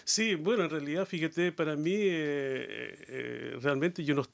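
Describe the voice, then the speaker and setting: A man's voice: fairly high pitch, a little slow, vocal fry, no echo. A middle-aged man speaking earnestly in a panel discussion, with many hesitations. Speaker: guest, diversity advocate. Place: Quebec.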